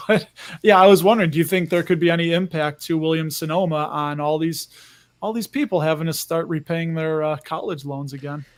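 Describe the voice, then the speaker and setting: A man's voice: a little high, creaky. A man appearing as a guest in a casual podcast chat, jokey and chatty.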